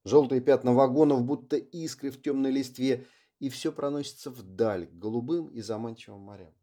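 Male audiobook narrator, very dark and mellow tone, even unhurried storytelling. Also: mid-range voice. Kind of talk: scripted narration.

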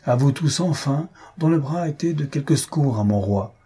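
A man's voice: mid-range voice, moderate pace, dark tone, breathy edge, close to an everyday voice. A man voicing an old blind marquis in an audiobook, with a fervent, solemn way of raising toasts. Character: old blind male marquis, proud royalist host. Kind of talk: audiobook character voice.

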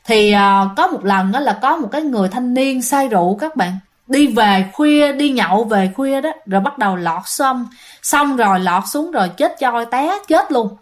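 A woman's voice: a little high, expressive, normal speed. A woman telling ghost stories in a casual, chatty way, often turning to her listeners. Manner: chatty, keeps addressing listeners, many fillers. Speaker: ghost story narrator. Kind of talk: casual spoken storytelling.

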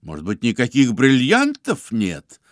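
A man reads a smooth-talking con man with a stern, commanding manner. He speaks firmly and loudly, with lively pitch. The sound is dry and close. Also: measured pace, no echo. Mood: lecturing. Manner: firm, loud, commanding delivery. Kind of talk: audiobook character voice.

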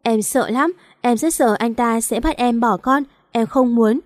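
A woman's voice: a little high, measured pace, no echo, clean studio sound, natural voice. A woman voicing a stubborn, frightened young pregnant wife who speaks defiantly and tearfully, in a storybook reading.

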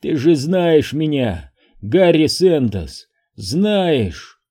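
A man voicing an eerie male spirit speaking through a small child, in a distorted, mechanical falsetto, slow and insistent, for an audiobook. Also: very animated, mellow, breathy edge, exaggerated voice. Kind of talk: audiobook reading.

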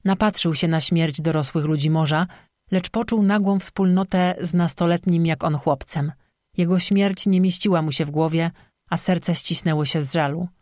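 Steady audiobook narrator, dry close sound. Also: medium pitch, normal speed, no room sound. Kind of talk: scripted narration.

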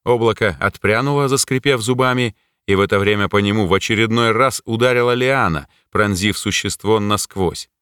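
Low-voiced male audiobook narrator. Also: fairly quick, hardly any pauses, fairly bright tone, clean tone, no room sound, studio quality. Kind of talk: scripted narration.

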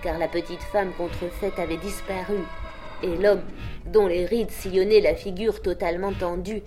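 A woman narrating an audiobook of a literary tale in a measured, expressive way. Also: on the low side, faint music behind.

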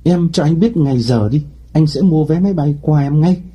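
Storybook philanderer read by a man: eager, flattering, dark husky voice. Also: fairly high pitch, normal speed, dull audio, voice pushed up. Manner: eager, ingratiating, feigns surprise. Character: smooth-talking philandering young man.

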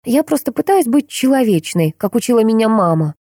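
A woman voicing a young, compassionate but stubborn daughter who speaks quietly and evenly. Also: on the high side, brisk, no room sound, clean studio sound, voice pushed up. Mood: defiant. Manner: quiet, even, gently defiant.

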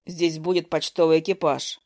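A woman's voice: low voice, flat delivery, moderate pace, darkish tone, dry recording, studio quality, voice pushed down. Woman voicing a curt, gloomy necromancer. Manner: curt, speaks through clenched teeth.

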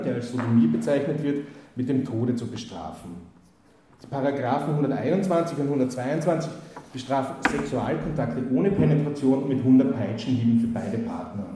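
A man delivers a spoken lecture hesitantly, full of "äh" and restarts, reading quotes aloud. His voice is mid-range and dark in tone. The hall he's in is very echoey.

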